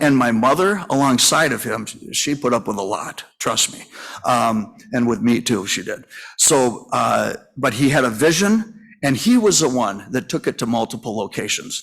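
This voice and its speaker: A man in his sixties speaks at a conference session with a middling, everyday pitch. He tells stories in a folksy, rambling way, stopping and restarting with plenty of fillers. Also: animated, unhurried, vocal fry, a bit bright. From Minnesota, US. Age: 60s. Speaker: funeral home owner and conference speaker. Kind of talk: conference breakout talk.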